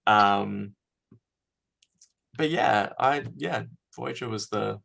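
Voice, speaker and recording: A man's voice: fairly low pitch, drawn-out words, gravelly, fairly bright tone. A man, a fan filmmaker being interviewed, talking casually and thoughtfully with many ums.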